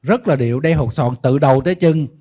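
A man, a Buddhist monk, giving a sermon in a lively storytelling way, acting out the people he quotes. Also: a little high, a little fast. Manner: lively storytelling, animated quoting of others, folksy asides.

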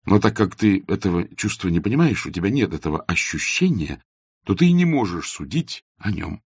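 A man voicing an earnest young gentleman who answers in heated, indignant tones. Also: deep voice, big pitch swings, fairly quick, husky, no room sound, clean studio sound, heavily acted. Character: earnest young gentleman, hot-tempered friend.

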